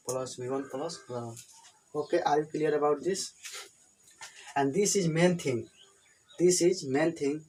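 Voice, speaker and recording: At a whiteboard, an Indian man with an Indian accent and Hindi as his native tongue explains English grammar plainly, repeating himself as he goes. His voice is on the high side and a little mellow, on a rough recording with slight background noise.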